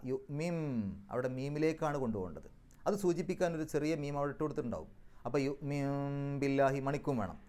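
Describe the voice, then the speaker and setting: A man explaining Quran recitation rules, going step by step and chanting the Arabic words slower and louder. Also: mid-range voice. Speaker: Quran teacher.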